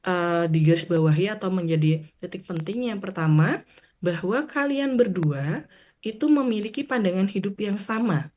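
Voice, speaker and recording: A woman speaking as a guest on a radio talk show, giving relationship advice in a measured, explaining way with frequent hesitation sounds. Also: mid-range voice, expressive, a little mellow.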